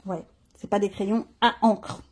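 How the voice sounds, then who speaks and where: Speaking a little slowly in a steady, husky voice of medium pitch and darkish tone, a middle-aged woman demonstrates her art supplies. Her show-and-tell chat is casual, full of thinking aloud and candid slangy comments.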